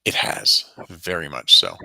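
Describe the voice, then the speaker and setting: A man giving a calm, reflective intuitive reading in easy conversation, laughing now and then. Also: unhurried, no echo, rough recording. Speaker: spiritual reader guest.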